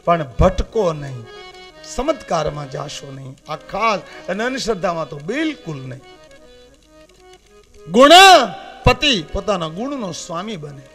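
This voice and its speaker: A man in his fifties from Gujarat with a Saurashtra accent, preaching a devotional sermon, swinging between loud warnings and low confiding asides. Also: sing-song, a little slow, faint music behind. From Gujarat, India. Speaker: Shiva katha preacher. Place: open-air katha gathering with live accompaniment.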